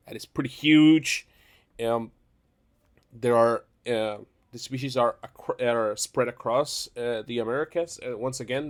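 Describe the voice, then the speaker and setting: A young man with a cold and a nasal-sounding voice, hosting his own channel in casual tier-list commentary, rambling and correcting himself often. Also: medium pitch. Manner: rambling, self-correcting, laughs between phrases. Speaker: YouTube channel host.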